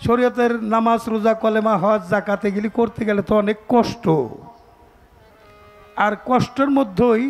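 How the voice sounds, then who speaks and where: A man's voice: sits high, steady tone, normal speed, soft background music. A man leading a folk song debate, preaching in a rhythmic sermon-like way and breaking into song. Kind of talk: Bengali pala gaan debate, preaching and singing.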